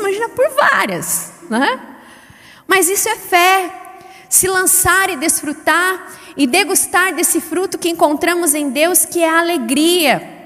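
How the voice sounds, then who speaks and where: A middle-aged woman preaching a sermon in a lively, chatty way, her pitch and loudness swinging widely. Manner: self-described fast-paced. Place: church hall. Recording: long hall reverb.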